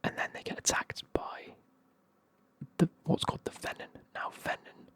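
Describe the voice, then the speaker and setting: In a soft whisper at a moderate pace, a book reviewer rambles through a casual ASMR recap of a fantasy novel, packing it with fillers and frequent swearing. There is no room sound at all.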